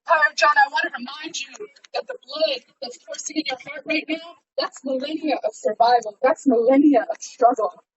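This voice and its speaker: A woman's voice: sits high, normal speed, few pauses. A woman giving an impassioned, rhythmic protest speech at an outdoor rally. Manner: rhythmic, rousing oratory. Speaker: rally speaker. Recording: muffled outdoor recording with street noise.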